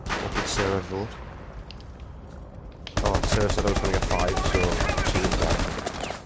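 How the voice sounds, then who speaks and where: Low-voiced Welsh man over noisy chat. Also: little pitch movement, a little slow. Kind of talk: casual gaming banter.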